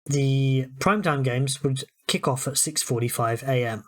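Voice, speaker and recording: A British man on a sports podcast talks in a relaxed, chatty way. His pitch sits in the middle range, and he drifts easily into telling stories. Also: moderate pace. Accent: British English. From United Kingdom. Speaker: podcast co-host. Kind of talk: casual sports chat.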